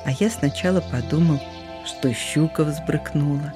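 A storyteller voicing a calm, wise forest creature who speaks softly and thoughtfully. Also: medium pitch, measured pace, music in the background, lightly acted. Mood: musing.

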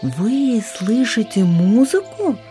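A storyteller voicing a calm, wise forest creature who speaks softly and thoughtfully. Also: medium pitch, a little slow, faint music behind, natural voice. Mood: surprised.

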